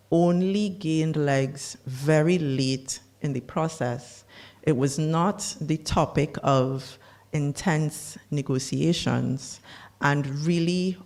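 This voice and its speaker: A policy speaker lays out a formal climate briefing at a slow, unhurried pace. The delivery is measured and deliberate, and the voice sits at an ordinary middle pitch. Now and then a dry aside slips in. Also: gravelly, a little mellow.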